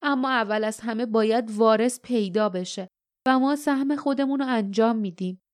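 A woman voicing a proud, stiff older village woman in an audiobook, speaking seriously and gravely in a raised voice. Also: on the high side, no room sound, clean studio sound, lightly acted.

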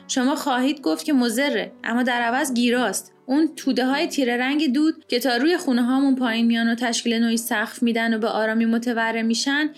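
A woman's voice: sits high, close to an everyday voice. Storybook figure: cheerful smog-loving accountant read by a woman, lilting and eager, light music behind. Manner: enthusiastic, lyrical. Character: man, genial accountant who loves smog.

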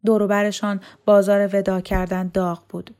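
A woman storyteller reading a novel aloud in a steady, measured way. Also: mid-range voice. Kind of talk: scripted narration of a novel.

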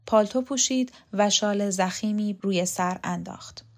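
A woman calmly narrating a novel in a measured, scripted reading. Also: medium pitch. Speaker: audiobook reader.

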